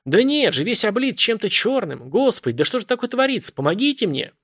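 A man voicing a terrified woman on the phone to the police, shrill and sobbing, pleading frantically. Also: lively intonation, fairly quick, no echo, clean studio sound. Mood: frantic. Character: panicked woman caller alone at home.

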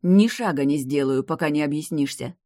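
A reader voicing a brash, hot-headed young male hero in an audiobook, cocky and quick to demand answers. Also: medium pitch, dark tone, dry recording, clean studio sound, natural voice. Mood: angry. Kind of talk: audiobook character voice.

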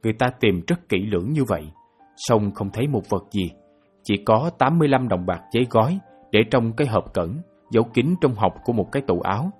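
A man narrating a novel for an audiobook in a steady, even storytelling manner. His voice sits low and carries a husky grain. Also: brisk, soft background music.

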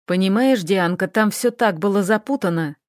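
A woman's voice: mid-range voice, moderate pace, no room sound, studio quality, natural voice. A woman reading an audiobook, voicing a blunt, coarse, pushy man in an offhand manner.

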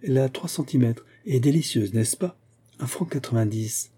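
A man voicing an excitable middle-aged woman shopper who eagerly shows off her purchases. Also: mid-range voice, moderate pace, slightly rough. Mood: excited.

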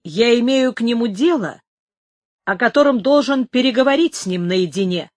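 A woman's voice: fairly high pitch, expressive, normal speed, no echo. A woman voicing a huge, secretive man who speaks firmly and insistently, in a story reading.

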